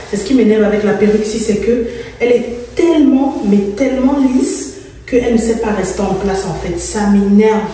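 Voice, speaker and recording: Her voice is medium-pitched and mellow as the Cameroonian vlogger, English her first language, talks informally while working, thinking aloud and adding English words. The mic is distant, and the bare, freshly plastered room rings with long reverberation and faint noise.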